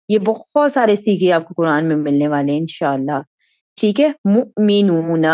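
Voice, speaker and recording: A woman's voice: mid-range voice, a little mellow, no echo, highs cut off. A woman teaching an Arabic grammar lesson, explaining step by step and often checking that her students are following. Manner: patient, explains step by step, keeps checking with "theek hai?". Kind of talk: Quran grammar lesson in Urdu.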